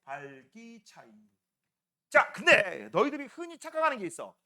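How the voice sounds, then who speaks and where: A male science teacher lecturing a classroom, firing quick check-in questions at his students. His voice sits high and bright, and his pitch leaps around animatedly, jumping between loud calls and quieter asides. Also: wildly swooping pitch. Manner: quizzing students with constant check-ins. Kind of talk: classroom lecture to middle schoolers.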